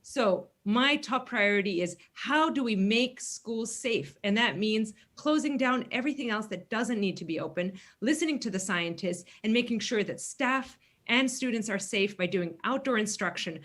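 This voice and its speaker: Over a video call, a congressional candidate from Greece, a woman in her thirties, responds earnestly to forum questions, often using fillers. She has a medium pitch and a fairly bright tone.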